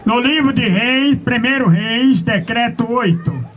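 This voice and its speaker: A man's voice: extremely high pitch, lively intonation, takes it slowly, a bit bright. A man preaching an open-air sermon, questioning his listeners and drawing out verse references. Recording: dull lo-fi outdoor recording.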